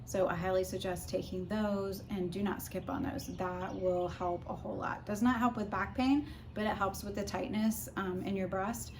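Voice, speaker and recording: A woman talks in a casual, explanatory way, like a vlogger sharing advice with viewers. Her voice sits at an average pitch, and there is clear noise behind her. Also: fairly even intonation, normal speed. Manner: conversational, informal, explanatory. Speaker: vlogger giving a personal recovery update. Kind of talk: casual chat to camera with practical tips.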